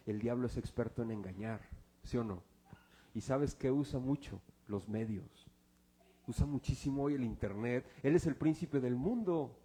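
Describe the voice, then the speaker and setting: A male pastor, preaching a sermon full of rhetorical questions, swinging between loud and hushed. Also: fairly high pitch.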